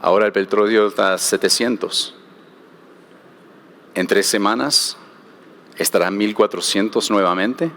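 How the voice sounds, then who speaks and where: A man with a deep, low voice speaks on a conference panel about the shipping trade. He talks haltingly, often repeating a word before moving on, and a faint hiss sits behind him. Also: creaky, a bit bright. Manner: hesitant, repeats words while thinking.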